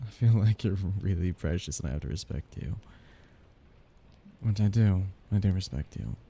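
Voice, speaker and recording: The speaker, a man with a low, expressive voice, takes on the role of a young mafia heir who is possessive and doting in an intimate ASMR romance roleplay. Soft and halting, punctuated by breathy chuckles, he sounds tender and teasing. There's slight background noise.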